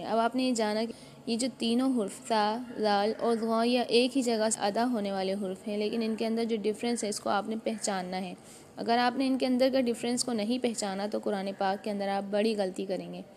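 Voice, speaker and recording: A woman teaching a Quran recitation lesson online, patiently explaining step by step, asking herself questions and slowly drawing out letter sounds to demonstrate. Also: on the high side, darkish tone, slight background noise.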